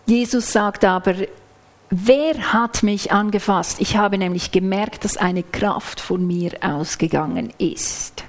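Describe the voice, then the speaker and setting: In a mid-range voice, a woman preaches a sermon, calmly explaining a Bible passage phrase by phrase. She occasionally drops into soft, nearly whispered asides and acts out the lines she quotes.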